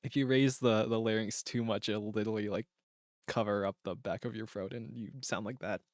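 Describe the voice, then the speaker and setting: A man streaming live, joking around and quick to laugh at himself, chatting casually about voice training. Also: on the low side, steady tone, no room sound, studio quality.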